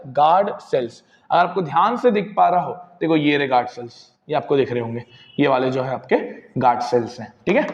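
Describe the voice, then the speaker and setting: High-voiced Indian man teaching in an echoey room. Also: vocal fry, a little mellow. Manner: asks and answers his own questions, repeats key terms. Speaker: science teacher. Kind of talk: Hinglish revision lecture. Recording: echoey room, slightly dull sound.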